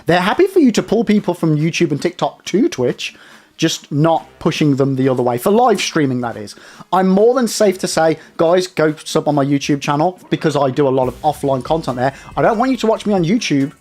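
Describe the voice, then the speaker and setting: A man's voice: on the high side, sing-song, fairly quick, darkish tone. Chatty man live-streaming. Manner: chatty, rambling, addresses chat directly. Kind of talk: casual live-stream chat.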